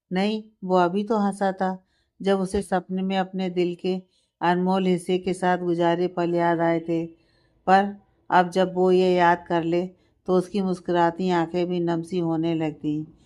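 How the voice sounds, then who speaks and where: A woman reading a family drama story as scripted narration, in a calm, even storytelling manner. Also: fairly low pitch.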